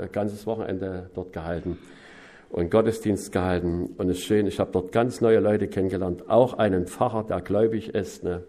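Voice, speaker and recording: A middle-aged man speaks to a church congregation about mission work, his voice sitting a little low. He talks in a folksy, warm-hearted way, tagging on short questions to draw listeners in. He swings from loud, emphatic bursts to soft, quiet asides. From Saxony. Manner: folksy, with frequent tag questions. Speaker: missionary preacher.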